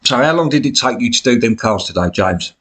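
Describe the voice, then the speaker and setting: A British man with a smoker's rasp and cough, giving chatty, blokey, self-deprecating commentary on a football management game as he live streams. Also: medium pitch, expressive, fairly quick, fairly bright tone.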